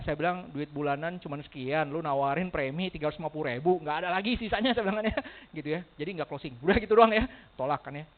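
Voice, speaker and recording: A man telling lively stories to a sales team as a motivational speaker, acting out dialogue and laughing often. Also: high voice. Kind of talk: storytelling talk to a sales team. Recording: tinny phone-like sound.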